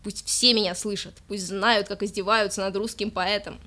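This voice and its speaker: A woman voicing a drunk, self-pitying young male poet who rants in a loud, drawn-out, whiny way. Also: medium pitch, lively intonation, close to an everyday voice. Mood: indignant whining.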